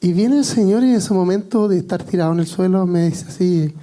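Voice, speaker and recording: A man's voice: high voice, brisk, dark tone. A man with a Chilean accent preaching a sermon, telling personal stories in a joking, conversational way.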